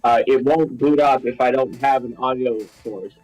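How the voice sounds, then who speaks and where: A man's voice: mid-range voice, fairly even intonation, normal speed, a little mellow, no echo, faint music behind. A man chatting casually on a stream, his voice muffled as if he is talking through a phone mic. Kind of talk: casual chat.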